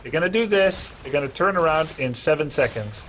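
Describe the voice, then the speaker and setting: A man's voice: fairly high pitch, lively intonation, a little fast, a bit bright, a little hiss or hum, low-quality recording. A man casting esports with play-by-play commentary, dramatic and playful, repeating phrases for effect. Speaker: esports caster.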